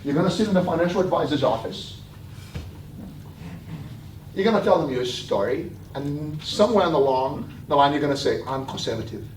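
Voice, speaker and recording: A man's voice: a little high, moderate pace, pauses often. Male motivational speaker, emphatic repetition and acted-out quotes, distant echoey sound with faint noise. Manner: animated, rhetorical questions, acts out imagined quotes; repeats phrases for emphasis. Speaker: speaker giving a wealth seminar. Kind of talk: motivational seminar talk.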